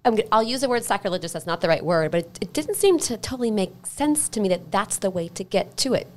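A woman's voice: mid-range voice, animated, quick pace. A woman on a panel chatting casually in a tentative, musing way. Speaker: podcast panelist. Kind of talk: casual chat. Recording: clear background noise.

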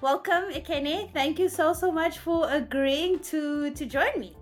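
A woman's voice: sits high, measured pace, soft background music. A woman hosting an interview show, asking her guest friendly, light questions. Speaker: host. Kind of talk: casual interview conversation.

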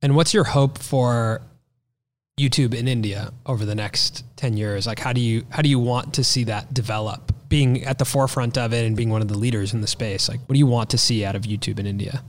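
A man's voice: mid-range voice, fairly even intonation, a little fast, in a large hall, a little hiss or hum. A man with an American accent, speaking conversationally as an interviewer on a podcast. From United States.

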